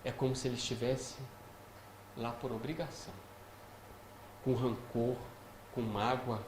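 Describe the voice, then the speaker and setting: A mid-range, rather flat voice delivers this slightly slow spiritist scripture lecture, spoken by a man with a Brazilian Portuguese accent. He stays conversational and checks in with listeners often, recorded in an echoey spiritist-center lecture hall with faint noise.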